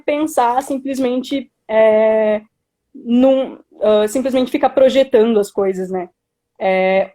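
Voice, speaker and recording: A young woman with a Brazilian accent speaks in a fairly high, mellow voice. She gives informal political commentary in an earnest way, pausing to search for words and often adding little tags that seek agreement. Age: young adult. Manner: earnest, hesitant, frequently seeking agreement with tag questions. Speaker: student activist.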